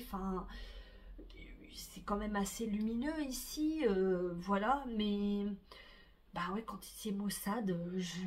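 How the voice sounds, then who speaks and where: A middle-aged woman, chatting casually about her sewing and knitting projects, full of fillers and restarts. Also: medium pitch. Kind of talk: casual chat to camera.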